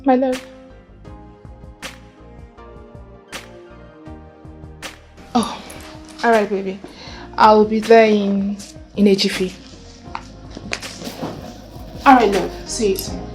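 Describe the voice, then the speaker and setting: A woman's voice: mid-range voice, steady tone, moderate pace, over music, close to an everyday voice. An actress playing a carefree, independent young woman in a film drama, with a Nigerian accent. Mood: casual. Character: carefree, independent young woman who resists being fussed over.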